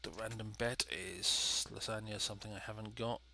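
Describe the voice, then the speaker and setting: A man's voice: on the low side, flat delivery, moderate pace, pushed and bright, a little hiss or hum. A man with a stuffy, nasal voice from a head cold, giving casual let's play commentary and thinking aloud as he goes. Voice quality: nasal, congested. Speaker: gaming video host.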